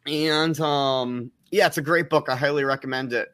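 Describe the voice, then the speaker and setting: A man's voice: on the high side, fairly even intonation, normal speed, fairly bright tone, dry recording. A man casually recommending a book, pedantic about word forms.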